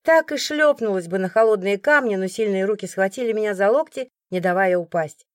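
A woman narrates a first-person story in an expressive, lively storytelling voice. The recording is dry and close, with nothing of the room around her. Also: medium pitch, fairly quick, no room sound. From Siberia, Russia.

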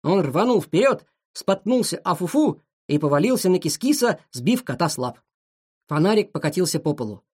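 A storyteller reading a children's adventure aloud, with a voice that rises and falls in lively swings. The delivery is expressive and animated, pitched in a middle register. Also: normal speed, husky. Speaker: narrator. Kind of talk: children's audiobook narration.

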